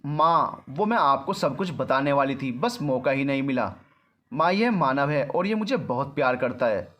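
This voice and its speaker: A man's voice: medium pitch, lively intonation, normal speed, fairly bright tone, lightly acted. A man voicing an anxious young woman in a storybook reading, apologetic and pleading. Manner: placating, apologetic. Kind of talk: storybook narration.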